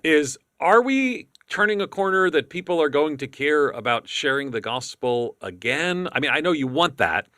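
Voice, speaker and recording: A man hosting a podcast in casual chat, talking quickly and rambling with many restarts. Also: fairly high pitch, lively intonation, fairly bright tone, clear, resonant tone, dry recording, clean studio sound. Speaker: podcast host.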